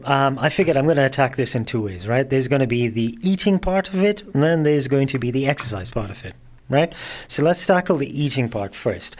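A man in his forties talks straight to the listener in a relaxed podcast monologue. His voice sits at an ordinary middle pitch, and he keeps it casual and self-deprecating, tossing in little asides and jokes at his own expense. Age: 40s. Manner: chatty, self-mocking, conversational asides. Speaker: podcast host.

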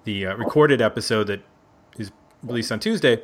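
Medium in pitch, fairly quick and edged with breathiness, this man's voice belongs to a podcast host from Buffalo in the United States. He leads a casual music round table indoors at a neighbor's house, chatty and joking, often stopping to correct himself.

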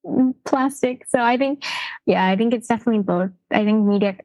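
A Canadian woman, a guest in a casual interview, talks thoughtfully and hedges, with many hesitations and frequent "um" and "like." Her voice is a little high and darkish in tone at a fairly quick pace, on a dry recording with poor audio.

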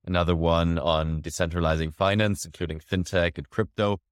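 A podcast host interviews a guest in a low, level, clear voice with a resonant tone, speaking at normal speed. He's enthusiastic and often tags his sentences with "right?". The studio recording is clean, with no echo.

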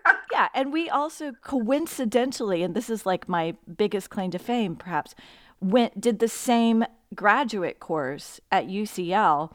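A woman hosting a podcast interview, asking eager follow-up questions and reacting quickly in casual chat. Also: mid-range voice, expressive, fairly bright tone, no echo, studio quality. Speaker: podcast host.

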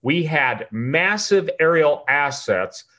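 A man's voice: on the high side, lively intonation, takes it slowly, sharp tone. An older man giving an impassioned, alarmist interview monologue in an emphatic, conspiratorial rant. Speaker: talk show guest, preparedness author.

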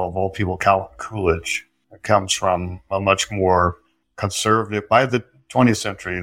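A man guest on a talk podcast, explaining history in a thoughtful, unhurried way with some hesitations and dry humor. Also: lowish voice, creaky, a bit bright. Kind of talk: conversational interview answers.

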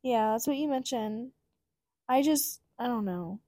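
A woman's voice: fairly high pitch, unhurried, warm tone. A woman co-hosting a podcast, casually chatting, blunt and teasing, swearing freely. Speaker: podcast co-host. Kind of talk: casual chat.

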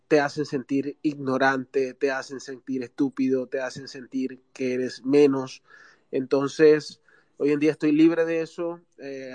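A man in his thirties with a Colombian Caribbean coast accent calls in to a live audio space. His mid-range voice has a darkish tone with no echo, and his speech is full of hesitant fillers.

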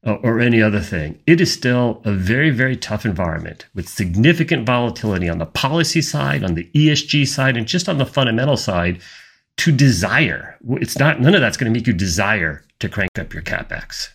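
A man's voice: fairly low pitch, big pitch swings, fairly quick, vocal fry, a bit bright, slightly rough. A man giving an emphatic, opinionated video commentary on energy markets.

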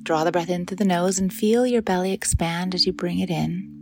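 A middle-aged woman gently leading a guided meditation in a soft, soothing voice that often drops into a breathy near-whisper. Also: fairly low pitch, fairly even intonation, brisk, music in the background. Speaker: meditation guide and yoga teacher.

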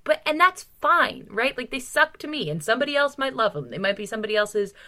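A woman co-hosting a book podcast talks fast in a high-ish, very animated, bright and forceful voice. She gives casual, opinionated takes in an emphatic, exasperated manner and swears without holding back.

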